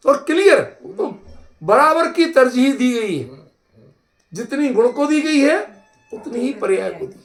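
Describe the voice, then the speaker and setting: A man's voice: extremely high pitch, sing-song, measured pace, creaky, soft background music. A man leading an interactive scripture discussion, explaining emphatically with homely examples and constantly checking whether his listeners follow. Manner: keeps quizzing listeners with rhetorical checks. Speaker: scripture teacher. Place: online group session.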